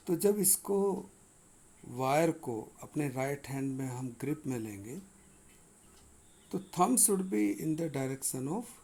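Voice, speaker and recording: A man teaches physics at a very slow, deliberate pace. His voice carries a gravelly edge, and he moves between Hindi and as he works through each problem. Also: mid-range voice, mellow. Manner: mixes Hindi and English, reads question text slowly. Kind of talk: recorded lesson explaining problems.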